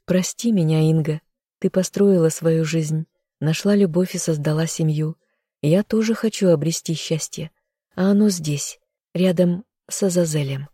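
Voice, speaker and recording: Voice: medium pitch, moderate pace, dark tone, breathy edge, no echo, clean studio sound, natural voice. A reader voicing a young woman heroine who speaks emotionally but firmly. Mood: resolute.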